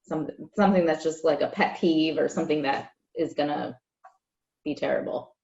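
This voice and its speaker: A woman's voice: deep voice, moderate pace, a little mellow, dull audio. A woman interviewing a guest, asking short questions and giving brief replies. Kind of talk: casual interview.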